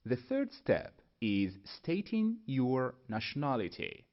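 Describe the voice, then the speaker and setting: A man from Morocco, giving a clear, step-by-step English lesson. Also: mid-range voice, wildly swooping pitch. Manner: clear, deliberate, spells out each step. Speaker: English teacher. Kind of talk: scripted lesson to camera. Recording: dull lo-fi sound.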